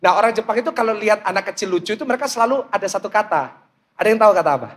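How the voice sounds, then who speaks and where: A man's voice: high-pitched, lively intonation, rapid-fire. A middle-aged man, preaching as a pastor in a comic storytelling style and acting out the voices he quotes. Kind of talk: storytelling sermon.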